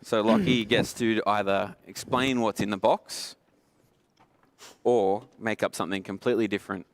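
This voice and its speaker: A man's voice: fairly low pitch, steady tone, normal speed, a little hiss or hum. A young man hosting a game at a youth group, explaining the rules playfully and laughing often.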